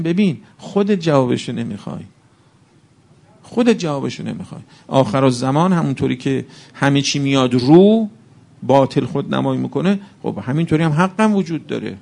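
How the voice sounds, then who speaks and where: A man's voice: fairly high pitch, gravelly, darkish tone. A man preaching a religious sermon, speaking with passion and firing off rhetorical questions to the congregation.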